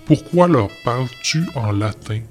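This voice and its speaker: A bitter, self-pitying neighbor who bellows every line, his voice pushing loud and climbing high, as a man puts him on in a recited story. He harangues without pause while a guitar plays faintly behind. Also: natural voice. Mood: indignant. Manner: shouting, harangues.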